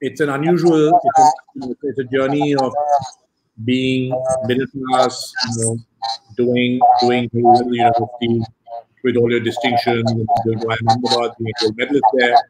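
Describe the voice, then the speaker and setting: A man's voice: medium pitch, level tone, moderate pace, a loud crowd, low-quality recording. A man interviewing a guest on a video call, steering with hesitant questions full of fillers. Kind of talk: casual conversation on a video call. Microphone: video call webcam.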